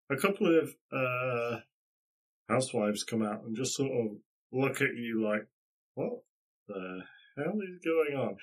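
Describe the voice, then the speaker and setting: Guy gm narrating slow, rambly, lots of ums. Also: medium pitch. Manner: rambling, many fillers and restarts. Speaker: game master. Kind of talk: narrating a tabletop game.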